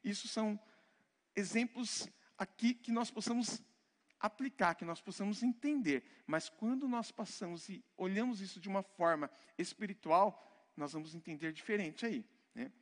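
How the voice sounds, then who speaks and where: A man's voice: high-pitched, normal speed. A man from Brazil with a Brazilian Portuguese accent, preaching a conversational sermon and often checking in with his congregation. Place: church hall. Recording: long church-hall reverb.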